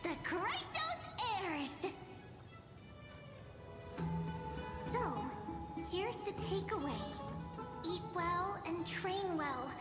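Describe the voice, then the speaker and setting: A woman voicing a tiny, chirpy and bossy bath sprite who tells a story as a history class, in a sped-up squeaky chipmunk voice with a sing-song delivery. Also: very animated, slow, exaggerated voice. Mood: cheerful. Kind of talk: video game cutscene voice acting. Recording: echoey room with loud music.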